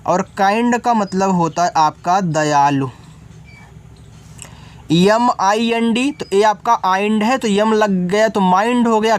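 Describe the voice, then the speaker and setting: With a voice that sits high, a man guides beginners through reading English. Every word gets spelled letter by letter and then explained, and he keeps asking whether the learner is keeping up.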